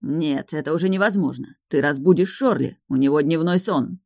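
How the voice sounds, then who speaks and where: A woman's voice: low voice, moderate pace, vocal fry, darkish tone, no echo, studio quality. A woman voicing a stern, weary young duke who speaks in cold, clipped tones. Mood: stern, steely.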